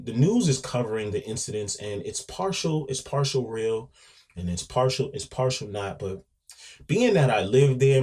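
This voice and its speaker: A man speaking as a podcast host, talking off the cuff at an ordinary pitch for a man. He speaks emphatically, circling back over his words, and his volume keeps rising and falling. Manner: emphatic, with frequent restarts and repeats; swings between loud and quiet. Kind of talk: casual monologue.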